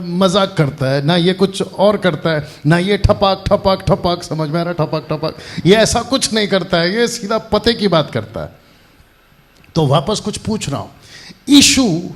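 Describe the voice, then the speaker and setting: A man preaching a lively sermon to a church audience, quizzing the crowd and repeating phrases for emphasis. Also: high voice. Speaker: pastor. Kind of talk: lively sermon to a live congregation.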